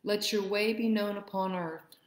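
A woman leading a church liturgy, reading prayers in a measured, steady way, with a roomy church echo. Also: mid-range voice. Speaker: worship leader. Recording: echoey room.

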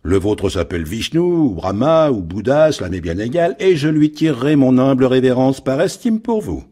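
A man's voice: medium pitch, animated, moderate pace, dark tone, voice pushed up, close to an everyday voice. A man voicing a scheming, greedy shipowner with a metallic, mocking voice. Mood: gloating. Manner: mocking, gloating. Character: greedy scheming middle-aged male shipowner.

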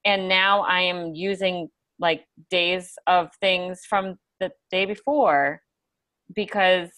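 A woman on a team video call, explaining her routine in a lively way. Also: fairly low pitch, slow pace, no echo. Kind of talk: casual video call meeting.

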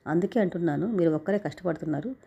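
A woman's voice: lowish voice, rapid-fire, gravelly, dark tone, breathy edge, muffled recording. A woman reading the lines of a modest, hardworking young wife in a narrated story. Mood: earnest.

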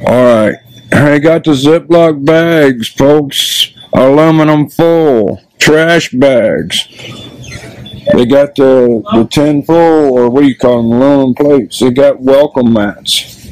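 A man's voice: medium pitch, slow, darkish tone, no room sound, rough recording. A man live-streaming a walk through a discount store, joking and rambling in a folksy way, into a handheld phone. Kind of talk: casual live-stream shopping commentary.

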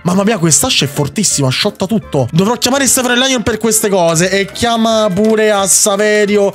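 Excitable high-voiced Italian gamer man. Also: soft background music. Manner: excitable, rapid repetitions, teasing opponent. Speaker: Minecraft YouTuber. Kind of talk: gameplay commentary.

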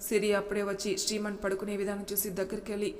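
Woman reading a story, flat and echoey. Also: medium pitch, fast. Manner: steady, even reading. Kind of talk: audiobook story narration. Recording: reverberant room with faint noise.

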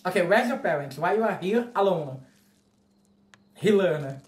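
A movie reaction host, a Brazilian man whose first language is Portuguese, speaks with a Brazilian Portuguese accent in a fairly high voice at a slightly slow pace. He's excitable and gushing, swearing casually and gesturing widely as he gives casual reaction commentary. He records indoors in a small bedroom with a roomy echo, using a wired earphone mic.

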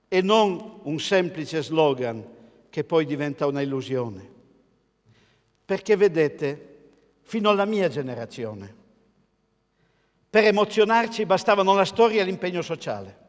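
Older male pastor preaching in a reverberant church. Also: high voice. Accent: Italian. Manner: measured, emphatic preaching with rhetorical questions. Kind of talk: sermon. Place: large church, preaching from a wooden pulpit. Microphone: pulpit mic, filmed by a camera across the church.

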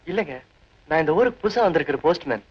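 A man's voice: fairly high pitch, expressive, fast talker, natural voice. A man acting in a comic film as a flustered, bumbling new postman in a village. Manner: flustered, yelping. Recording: dull, lightly hissy film soundtrack.

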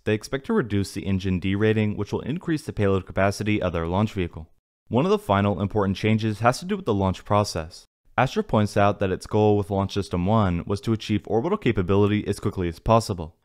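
A man narrating a technical script in an even, read-aloud manner. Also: lowish voice. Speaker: narrator of a space news channel. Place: voice-over, not in the pictured places.

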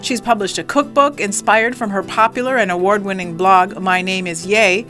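A woman reporter narrating a TV news feature with a clear, even delivery. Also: medium pitch, normal speed, faint music behind.

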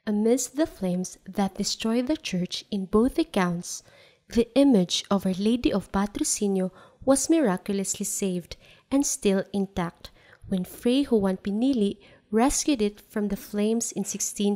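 A woman narrates a documentary script at a medium pitch. Her reading is steady and measured, laying out facts in an even, informative tone. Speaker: voice-over narrator.

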